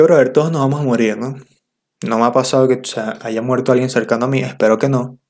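A man's voice: medium pitch, darkish tone. A young man from Venezuela with a Venezuelan accent, talking to the camera in a casual, slangy, self-mocking comic monologue. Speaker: vlogger.

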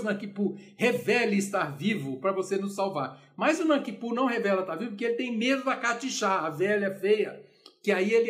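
A man from Brazil giving an informal music lesson, retelling the story in a lively way and acting out the quotes. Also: sits high. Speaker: music lecturer.

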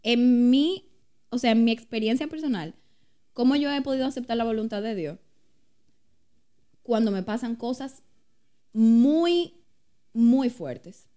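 Reflective woman with a mellow voice. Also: fairly high pitch, animated, measured pace, long pauses. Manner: reflective, asks questions, shares personal experience. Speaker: podcast co-host. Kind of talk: casual faith talk.

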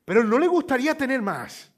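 A man's voice: sits high, quick pace. A man voicing an overexcited young saleswoman who keeps pushing in a breathless sales patter. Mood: insistent.

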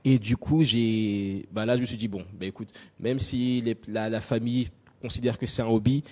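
A man's voice: mid-range voice, fairly even intonation, moderate pace, dark tone. A young adult man from France giving a personal talk to an audience, direct and chatty with many fillers. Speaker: invited speaker. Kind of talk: conference talk on stage.

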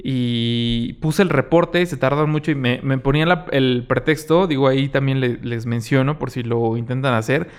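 A man's voice: mid-range voice, moderate pace, few pauses, clean tone. A young man with a Mexican accent hosting a podcast, telling a story in a casual way and acting out what people said. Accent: Mexican Spanish. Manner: animated, acts out quoted exchanges, many fillers. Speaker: podcast host.

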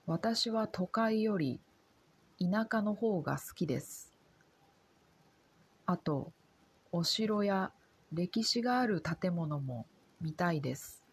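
A woman from Japan teaching Japanese in a slow, measured way, with simple sentences spaced out for learners. Her voice sits a little low and has a soft, breathy edge. She talks unhurried and deliberate, like a scripted lesson. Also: expressive.

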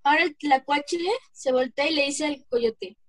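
A woman with a Mexican accent narrating a folk tale in a plain, slightly halting reading voice. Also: high voice, fairly even intonation, no echo. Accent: Mexican Spanish.

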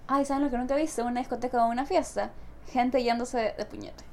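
Young woman, casual chat, high-pitched, fast, exclamatory. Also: fairly even intonation, vocal fry, dark tone, slight background noise. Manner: quick, chatty and exclamatory.

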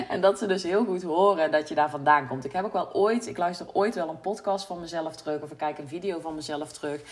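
A woman's voice: sits low, fast, few pauses. A woman from Brabant with a Brabant Dutch accent, hosting a podcast and talking candidly and reflectively, with many fillers. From Brabant, Netherlands. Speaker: podcast host, business coach. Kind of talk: casual solo podcast monologue.

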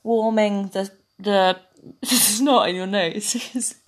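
A woman in her twenties co-hosting a podcast from her flat, chatting casually, rambling and laughing easily. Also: medium pitch, slow. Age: 20s. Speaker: podcast co-host. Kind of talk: casual chat. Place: her flat, under a blanket.

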